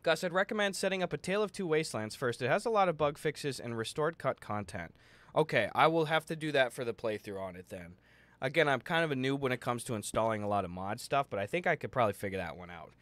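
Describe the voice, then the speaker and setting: A fast-talking, animated young adult man with a mid-range, slightly bright voice hosts a gaming stream from an indoor room, with no room sound audible. He chats casually and reads viewer messages, slangy, jokey and profane with frequent "dude" and "bro", his voice slightly tired.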